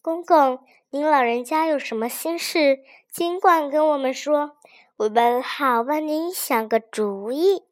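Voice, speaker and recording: A woman voicing a clever young daughter-in-law who speaks gently and outwits an official. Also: high-pitched, no room sound, clean studio sound. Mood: gentle. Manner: gentle, quick-witted, soft-spoken.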